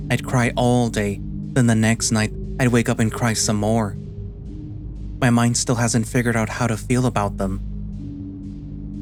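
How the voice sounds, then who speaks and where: A man tells a first-person tale as a tired, guilt-laden animal sailor, speaking in a hushed, restrained, unhurried and measured way. The pitch is medium, near his ordinary speaking voice.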